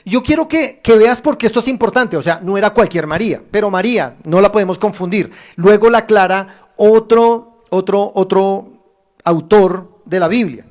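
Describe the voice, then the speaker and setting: A man pastor preaching a streamed sermon, addressing viewers directly with emphatic rises and pauses. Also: high voice. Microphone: streamed online service.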